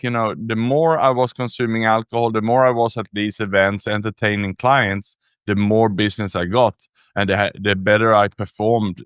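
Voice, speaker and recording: A man from Sweden, a native Swedish speaker, talking in English as a podcast guest, telling his story reflectively with frequent pauses and restarts. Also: lowish voice, fairly bright tone, smooth, dry recording, studio quality. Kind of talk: casual interview storytelling.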